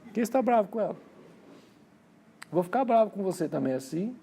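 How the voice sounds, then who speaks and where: Soft, gentle male Holy Spirit voice with a Brazilian accent, quiet and gravelly, as a preacher quotes it. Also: high voice, sing-song, fairly quick, a little hiss or hum, exaggerated voice. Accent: Brazilian Portuguese.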